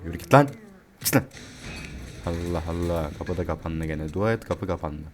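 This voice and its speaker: A man playing a horror game and commenting, joking and swearing, yelling in panic when chased. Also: sits low, normal speed, noisy background. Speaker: gamer.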